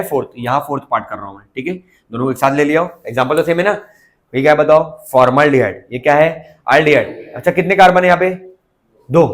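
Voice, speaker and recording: A man teaching a chemistry lesson, constantly checking whether his students understood. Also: on the high side. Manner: coaxing, keeps asking students if they understood. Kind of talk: classroom lecture.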